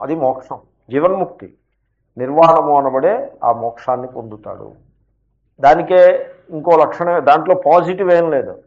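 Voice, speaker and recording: Male spiritual teacher, dull old recording. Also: a little high. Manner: explanatory, rhetorical questions, slow emphatic asides. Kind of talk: scripture lecture with commentary.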